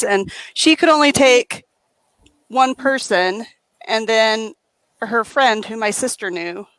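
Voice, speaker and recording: A woman chatting on a video call, telling a story with lively acted-out quotes. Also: a little high, dry recording, low-quality recording. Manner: animated storyteller, acts out quotes with shouts. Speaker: author and group admin. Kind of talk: casual video call chat.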